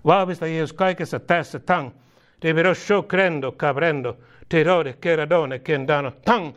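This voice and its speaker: Male prayer leader, slightly high voice, fervent charismatic style, repeats phrases, speaks in tongues. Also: a bit bright, lo-fi sound. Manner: repeats each phrase, commanding declarations.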